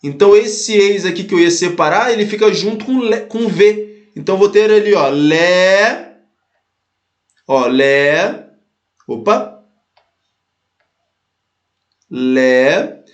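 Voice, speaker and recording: A man's voice: high voice, animated, moderate pace, reverberant, dull audio. A man teaching an exam-prep lesson, explaining step by step, repeating his points and checking in with his students. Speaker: Portuguese teacher.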